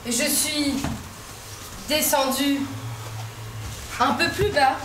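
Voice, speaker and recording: A woman's voice: sits high, takes it slowly. A woman acting a theatrical saboteur with a change of heart in a live comedy sketch, with declamatory phrasing. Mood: grandly dramatic. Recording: echoey, noisy stage from far off.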